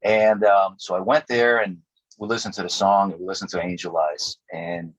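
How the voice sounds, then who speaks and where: A man being interviewed about his music career, telling stories in a casual, animated way and acting out the people he quotes. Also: sits low, moderate pace. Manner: animated storyteller acting out quotes, laughs often. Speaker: musician guest. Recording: dull lo-fi audio.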